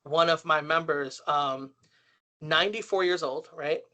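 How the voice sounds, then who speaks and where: A man's voice: on the high side, measured pace, sharp tone. A man guest on an interview show, talking earnestly about running a senior social club, telling stories and repeating phrases as he goes. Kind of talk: casual interview talk.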